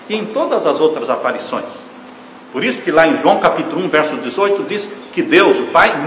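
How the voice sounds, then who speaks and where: A man preaching a sermon, leaning hard on key words, then dropping to a hushed, low voice, and calling the congregation his dear ones. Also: background noise. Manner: emphatic preaching, swings from loud stressed words to hushed low phrases. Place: church hall. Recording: echoey church hall, faint ambience.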